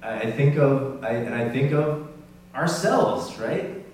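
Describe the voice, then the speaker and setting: A man preaching a sermon in a relaxed, conversational and self-deprecating way, with many restarts. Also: medium pitch, takes it slowly. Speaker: pastor. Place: church sanctuary. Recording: roomy, distant church mic with hum.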